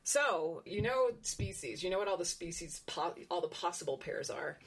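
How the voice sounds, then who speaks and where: A woman's voice: fairly low pitch, animated, moderate pace, breathy edge. A woman researcher explaining her work in conversation, thinking aloud with frequent restarts and asides.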